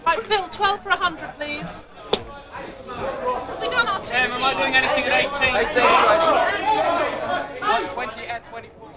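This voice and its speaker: High-pitched man shouting on a trading floor. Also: expressive, normal speed, pauses often. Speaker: futures trader. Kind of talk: open outcry trading. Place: large indoor exchange trading floor. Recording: distant shouts amid busy trading-floor crowd.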